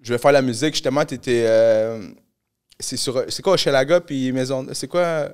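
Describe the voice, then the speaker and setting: A Québécois man hosting a podcast, telling a story in an animated, slang-heavy way with English thrown in. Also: mid-range voice, normal speed, smooth. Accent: Québécois French. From Canada. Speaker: podcast host. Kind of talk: casual storytelling chat.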